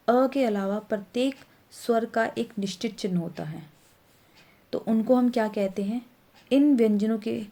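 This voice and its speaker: A woman's voice: mid-range voice, mellow. A woman teacher patiently explaining letters to young pupils, repeating herself and correcting small slips. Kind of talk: Hindi grammar lesson for young pupils.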